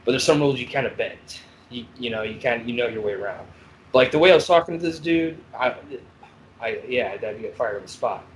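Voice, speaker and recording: A man's voice: mid-range voice, fast, slight background noise, low-quality recording. Blunt profane man telling prison stories. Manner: blunt, profane, animated storytelling. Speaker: podcast host, former corrections officer. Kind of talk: casual storytelling chat.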